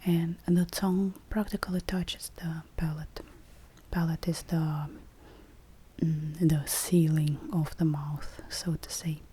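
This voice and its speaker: Slow soft-whispering woman teacher. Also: deep voice, flat delivery, breathy edge. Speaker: language teacher. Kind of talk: whispered role-play.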